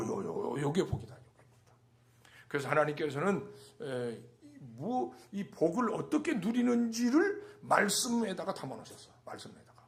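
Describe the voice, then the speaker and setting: A male pastor delivering a Wednesday sermon, emphatic and repetitive, asking rhetorical questions. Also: fairly high pitch.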